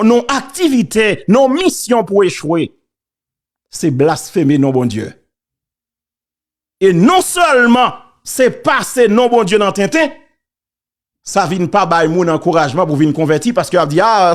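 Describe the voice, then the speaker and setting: A man with a Haitian accent talks in a fairly high voice, giving casual spoken commentary on church and politics. He is preachy and emphatic. He hammers his points home by repeating key phrases. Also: animated, a little slow.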